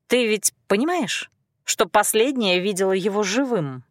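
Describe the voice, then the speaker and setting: A woman voicing a gentle but firm young woman student who speaks softly and coaxingly. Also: medium pitch, animated, no room sound, studio quality, close to an everyday voice. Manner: soft, coaxing and slow.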